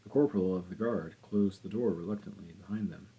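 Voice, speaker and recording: Deep, husky male audiobook narrator. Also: fairly quick, dark tone, low-quality recording. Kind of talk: scripted literary narration.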